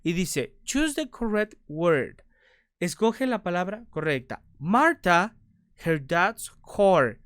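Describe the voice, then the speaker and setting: A male teacher walks viewers through a grammar lesson at an unhurried pace. His voice is smooth and clear, recorded dry with no room sound. He keeps asking questions aloud, answers them, and checks that everyone is following. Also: high voice, big pitch swings, fairly bright tone, dry recording. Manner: repeats points, checks understanding with "ok?". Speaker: English teacher.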